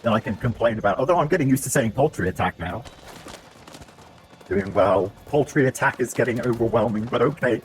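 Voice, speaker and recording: Chatty British streamer, lively pitch. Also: male voice, brisk, slight background noise. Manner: joking, chatty, reads chat aloud. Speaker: game streamer. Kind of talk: live game streaming commentary.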